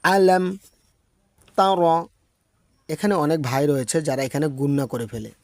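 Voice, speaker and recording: A man's voice: mid-range voice, a little mellow, no room sound. A man teaching Quran recitation, patiently explaining correct pronunciation and correcting common mistakes. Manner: demonstrates recitation in slow drawn-out chant.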